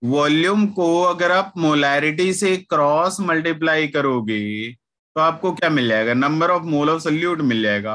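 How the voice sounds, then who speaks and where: A man's voice: a little high, fairly bright tone. A man teaching a chemistry class online, patiently repeating key points and mixing English terms into his talk. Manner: mixes Hindi with English terms; addresses students familiarly as "yaar" and "bachche".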